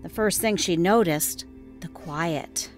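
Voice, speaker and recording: A woman reporter giving scripted news narration in a measured, clear way. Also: on the low side, soft background music.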